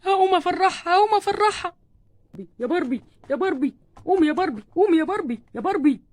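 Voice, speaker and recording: A woman's voice: very high-pitched, expressive, racing, darkish tone. A woman voicing an adult man doll who frets over his sick wife, speaking Egyptian Arabic with pleading, repeated words. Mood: relieved. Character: worried devoted husband doll, adult man. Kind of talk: doll play storytelling.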